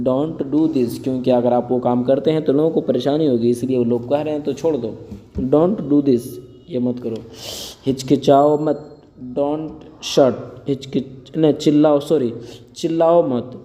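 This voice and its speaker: A man teaching spoken English, saying each phrase slowly twice and then explaining it quickly in Hindi. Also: mid-range voice, dark tone, big-room sound.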